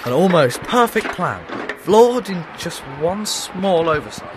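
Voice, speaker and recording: A man's voice: sits high, very animated, unhurried, noisy background. An actor playing the Doctor, an eccentric male time traveller with a whimsical, exclamatory manner. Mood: chatty. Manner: whimsical, exclamatory, British phrasing. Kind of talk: fan audio drama acting.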